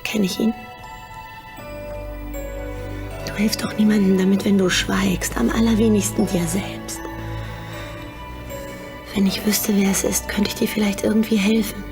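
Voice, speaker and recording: An actress playing a caring, insistent confidante in a TV drama, speaking earnestly and practically. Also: female voice, medium pitch, little pitch movement, moderate pace, natural voice. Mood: concerned. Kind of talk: TV drama acting. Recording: clear music bed under dialogue.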